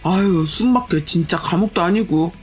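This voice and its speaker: A woman's voice: lowish voice, normal speed, darkish tone, husky, soft background music, pitched below the performer's own voice. A woman voicing a lazy, defensive young husband who whines and brushes off every complaint, as part of a told story. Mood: irritated. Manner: whiny and irritable, brushing off complaints. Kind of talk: storytelling with acted dialogue.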